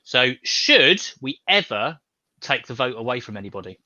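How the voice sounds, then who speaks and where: A man's voice: medium pitch, very animated, normal speed, bright, forceful tone, no echo, muffled recording. A man hosting a casual panel discussion, joking and laughing often while putting questions to the panel. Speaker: host.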